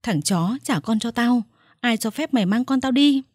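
A woman's voice: medium pitch, lively intonation, a little fast, slightly rough, no echo, clean studio sound. A woman voicing a young mother who has been tricked out of her baby, raging and sobbing. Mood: screaming. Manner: shouting, sobbing, vengeful. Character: furious young mother, wronged mistress.

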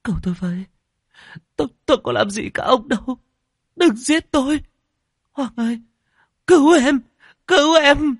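A man's voice: extremely high pitch, expressive, fairly quick, breathy edge, no room sound, studio quality, pitched above the performer's own voice, exaggerated voice. A man voicing a terrified young woman in a hospital, screaming and pleading in fear. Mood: panicked screaming. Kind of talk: audiobook narration.

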